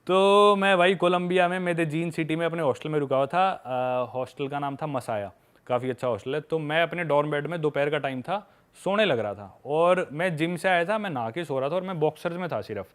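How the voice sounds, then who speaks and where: A young man tells travel stories in a loose, candid podcast chat, talking to the listener like a friend. His voice sits a little high and comes across smooth and clear. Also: fairly quick. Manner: candid storytelling, calls listeners "bhai".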